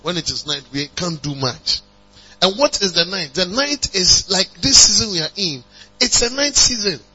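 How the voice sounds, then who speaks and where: A man's voice: high-pitched, lively intonation, moderate pace, sharp tone, slightly rough. Emphatic preaching man. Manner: rising to emphatic preaching, congregation call-and-response. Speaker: pastor. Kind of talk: sermon. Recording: dull lo-fi recording with mains hum.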